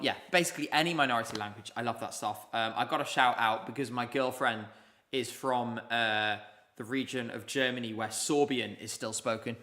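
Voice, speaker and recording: Streaming indoors from Basel, a male host whose first language is English reads viewer comments aloud, chatting loosely and rambling with lots of ums. He has a medium-pitched voice with a sharp tone.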